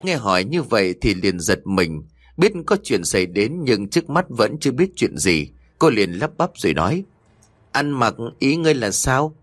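A man narrating an audio story in an expressive, dramatic manner. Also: fairly low pitch, moderate pace, slightly rough, no room sound, studio quality.

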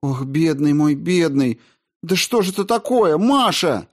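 A man reading an audiobook, voicing an impulsive, warm-hearted princess close to tears. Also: medium pitch, a little slow, voice pushed up, lightly acted. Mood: distraught. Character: tender, emotional princess, sister of the tsaritsa.

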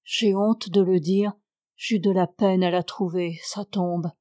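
A woman reading a novel aloud in a measured, even narration. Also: on the low side, no echo, studio quality. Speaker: audiobook reader.

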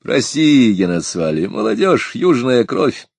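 A man voicing an older, sober, apologetic gentleman, in an audiobook. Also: mid-range voice, sing-song, a little slow, creaky, slightly rough, no echo, voice pushed up, exaggerated voice. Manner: polite, apologetic. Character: older sober polite male guest, apologetic.

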